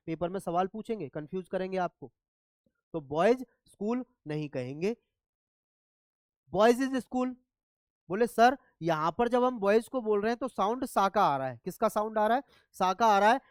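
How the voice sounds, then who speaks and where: Recorded dry, this man's voice sits high as he lectures a class on English grammar. Again and again, he checks whether the students are keeping up.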